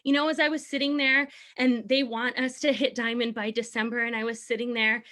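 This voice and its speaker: A woman in her thirties gives a motivational talk to her team. Her voice sits a little high, and she speaks in an earnest, encouraging way. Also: level tone, fairly quick, sharp tone. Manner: earnest, encouraging, sometimes laughing. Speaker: team leader.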